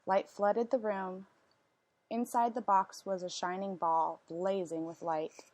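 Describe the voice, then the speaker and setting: A woman's voice: mid-range voice, steady tone, takes it slowly, darkish tone, no echo. Woman reading a picture book aloud, dry sound. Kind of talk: storybook read-aloud narration with questions to listeners.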